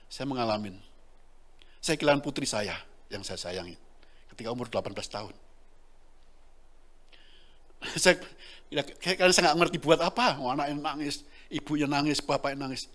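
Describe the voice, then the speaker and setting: A man's voice: mid-range voice, moderate pace, pauses often, a bit bright. A middle-aged man preaching a sermon, talking directly to the congregation and laughing between lines.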